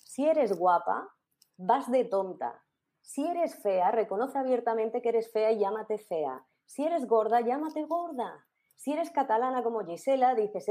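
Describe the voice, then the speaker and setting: A woman's voice: on the high side, dark tone. A woman from La Mancha with a Spanish accent, talking in casual chat, reflective and hesitant with many fillers. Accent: Spain Spanish. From La Mancha, Spain.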